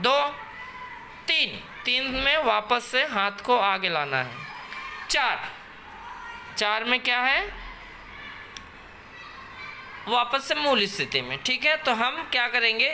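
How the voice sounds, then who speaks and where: Give me a slow, bright-voiced woman teacher calling out exercise counts. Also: on the high side, a little hiss or hum. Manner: slow, patient instruction, counting out drill beats. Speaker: school teacher. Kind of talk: exercise lesson for children.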